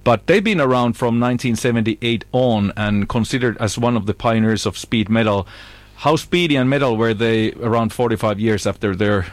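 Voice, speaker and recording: A man's voice: medium pitch, normal speed, no room sound. Male radio host. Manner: relaxed, hesitant with fillers. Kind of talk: radio interview. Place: student radio studio.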